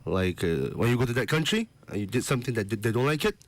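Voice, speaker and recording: A man's voice: mid-range voice, big pitch swings, quick pace, a little hiss or hum. A man answering as a guest on a casual radio talk show, hesitating with many fillers.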